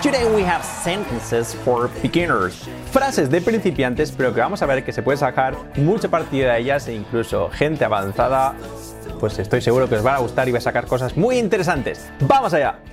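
A man from Spain with a Spain Spanish accent, hosting an upbeat video lesson and repeating phrases slowly for learners. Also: mid-range voice, very animated, music in the background. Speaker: English teacher and host.

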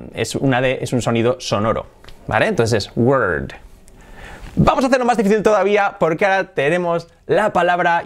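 A man whose first language is Spanish, teaching English pronunciation in a playful way, exaggerating sounds and joking with viewers. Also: mid-range voice. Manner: playful, exaggerated demonstrations of sounds, frequent laughs; direct address to viewers, lively. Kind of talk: pronunciation lesson for a video channel.

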